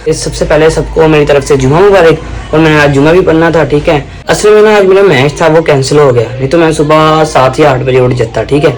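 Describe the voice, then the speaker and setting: A young man chatting casually as a vlogger, often tagging his sentences with a quick "okay?". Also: on the high side. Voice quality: chatty, keeps asking "okay?". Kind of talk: casual vlog chat.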